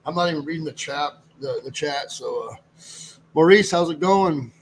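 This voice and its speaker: A man's voice: on the high side, animated, normal speed, slight background noise, rough recording. A man hosting a live stream, talking casually and rambling as he greets viewers and goes through items. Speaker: live stream host running a silver auction.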